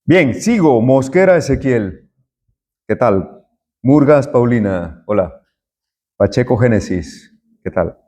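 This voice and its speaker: A man's voice: mid-range voice, lively intonation, takes it slowly, pauses often, a little mellow. Friendly man taking class roll. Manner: friendly, chatty, jokes with students. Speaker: university lecturer. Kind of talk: classroom roll call and lecture.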